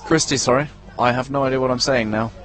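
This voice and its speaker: A man's voice: mid-range voice, fairly even intonation, fast talker, fairly bright tone. A man commentating live on a football match from an outdoor ground. He talks in a chatty, running way and often corrects himself when he gets player names wrong.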